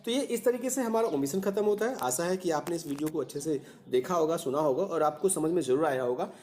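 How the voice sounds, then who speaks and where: A man's voice: fairly high pitch, animated, fast, a little mellow. A man teaching an exam-prep lesson, explaining step by step and often checking in with rhetorical questions.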